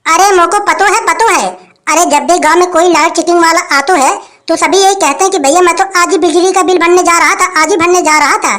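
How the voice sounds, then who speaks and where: A woman's voice: extremely high pitch, brisk, a bit bright. A woman playing a bossy village electricity inspector who makes threats.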